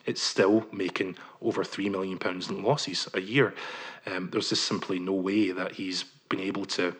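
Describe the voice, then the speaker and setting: A man, a journalist answering interview questions in a measured way, with many pauses and ums. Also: low voice, fairly bright tone, slightly rough. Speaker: journalist guest.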